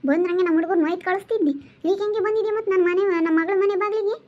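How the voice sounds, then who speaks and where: A woman playing a shrill, scolding village mother. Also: lo-fi sound. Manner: shrill, scolding, rapid-fire questions. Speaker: mother of the household. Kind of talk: village family drama acting.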